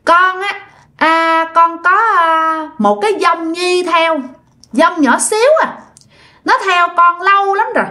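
A woman voicing a shrill male spirit speaking through a medium, stern and knowing. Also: slow pace, pushed and bright, faint music behind, heavily acted. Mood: solemn.

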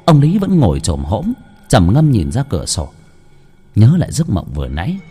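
A man's voice: lowish voice, huge pitch swings, normal speed, warm tone, husky, soft background music. A man narrating a horror story with dramatic delivery.

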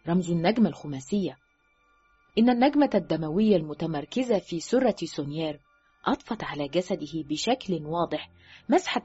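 A woman with a slightly rough voice narrates a thriller audiobook in an expressive, scripted style, her voice sinking low and quiet as sentences end. The recording is dull and lo-fi, with faint music behind her.

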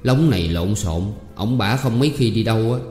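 A man's voice: lowish voice, animated, fairly quick, a little mellow, lightly acted. A man with a Southern Vietnamese accent voicing an anxious, lovesick young boatman who sighs and complains, in a storybook reading. The reading sounds like it was made in an echoey hall with faint music behind it. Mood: plaintive. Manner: sighing, plaintive.

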